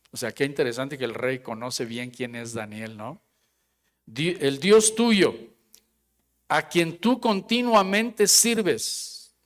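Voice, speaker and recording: A man's voice: sits high, clear, resonant tone. A male preacher delivers a sermon in a church, reading scripture aloud and then explaining it with rhetorical questions. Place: church sanctuary. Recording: long church hall reverb.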